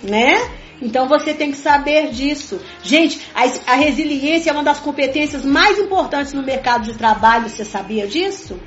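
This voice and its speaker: High-voiced woman teaching faith in an echoey room. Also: moderate pace, fairly bright tone. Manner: repetitive, keeps addressing listeners as "gente"; earnest and emphatic. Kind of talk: conversational religious talk. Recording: echoey room, dull sound, faint music.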